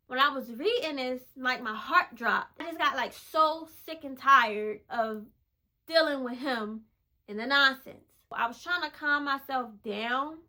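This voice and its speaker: A woman's voice: high-pitched, measured pace, sharp tone. A woman vlogger candidly telling a personal story in a conversational, emphatic way, repeating phrases for effect.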